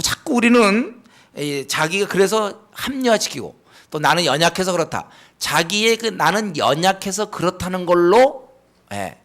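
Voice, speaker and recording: A man preaching a sermon in a slightly high, gravelly voice. His pitch swings widely as he speaks to the congregation, and he breaks into sharp voiced self-scolding. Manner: acts out scolding himself in a raised voice; repeats "예" and "여러분" often, addressing the congregation. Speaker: pastor.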